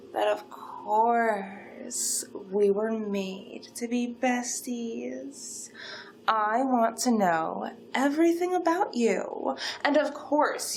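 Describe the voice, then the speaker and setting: A woman's voice: on the high side, slight background noise. A woman playing a possessive supernatural yandere kidnapper in a role-play monologue, gushing sweetly with unhinged menace. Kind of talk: dramatic second-person role-play monologue.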